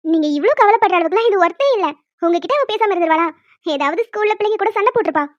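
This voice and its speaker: A woman voicing a calm young wife and mother who soothes her husband with light amusement in a cartoon. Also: extremely high pitch, very fast, no echo. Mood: soothing. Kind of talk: cartoon voice acting. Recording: dull lo-fi dry recording.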